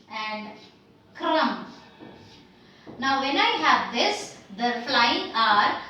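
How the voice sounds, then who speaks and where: A woman with a high, bright voice teaches a language lesson at an unhurried pace. She says each sound again and again so learners can follow. She is recorded from a distance in a strongly echoing room. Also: a little hiss or hum. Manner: patient, repeats sounds slowly for learners. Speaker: Hindi teacher. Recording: roomy echo, mic at a distance.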